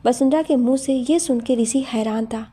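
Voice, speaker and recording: A woman narrating a scripted story in a calm, steady manner. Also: high voice, moderate pace, breathy edge.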